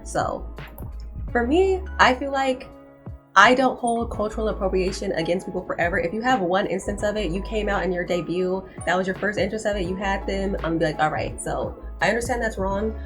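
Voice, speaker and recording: A woman's voice: mid-range voice, a little fast, music in the background. A young woman hosting a commentary channel, talking in an emphatic, insistent way and repeating points for stress. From United States. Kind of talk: opinion commentary to camera.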